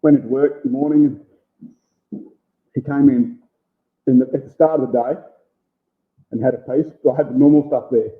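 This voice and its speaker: A man's voice: medium pitch, fairly even intonation, normal speed, long pauses. A man with an Australian accent, speaking plainly and informally as a guest in a casual chat. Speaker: interview guest, small food business owner. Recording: thin phone-like sound.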